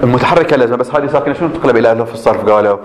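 A man's voice: mid-range voice, racing, echoey room, heavy background noise. A male teacher explaining a grammar point in class, repeating himself and checking that students follow.

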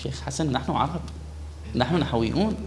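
A man's voice: medium pitch, a little fast, a crowd in the background. A man teaching a grammar lesson to a class, repeating key words and putting questions to his students. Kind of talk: classroom lesson explaining a text.

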